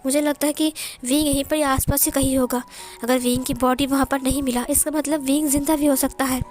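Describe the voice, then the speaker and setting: A woman's voice: high voice, little pitch movement, a little fast, darkish tone, faint music behind, natural voice. Woman playing a worried young man. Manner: earnest, anxious.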